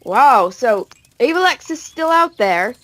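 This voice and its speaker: A woman voicing a gruff, playful dog-eared man in an audiobook, nearly growling. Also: high-pitched, sing-song, unhurried, no echo, voice pushed up. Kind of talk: audiobook character voice.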